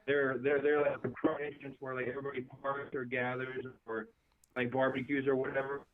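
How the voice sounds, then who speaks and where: A man's voice: mid-range voice, little pitch movement, fairly quick. Man on a choppy, breaking-up phone line. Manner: rambling, repeats words, many fillers. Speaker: caller. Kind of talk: casual phone-in chat. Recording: tinny phone line, bad connection.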